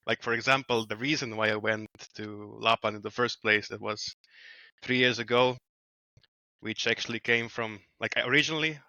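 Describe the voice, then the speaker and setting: A man's voice: medium pitch, no room sound, muffled recording. A man in his twenties from Slovenia with a Slovenian accent, telling stories as a guest in a casual interview over a headset video call. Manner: relaxed, laughs often, trails off mid-sentence. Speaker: guest, wilderness guide. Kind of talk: casual storytelling. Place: small room at home. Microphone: headset mic on a video call.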